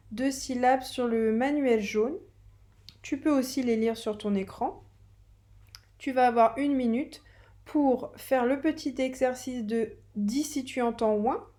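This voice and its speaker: Slow, patient woman teaching reading. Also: a little high, warm tone. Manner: slow, patient, spelling out sounds for a child. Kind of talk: reading lesson for young children.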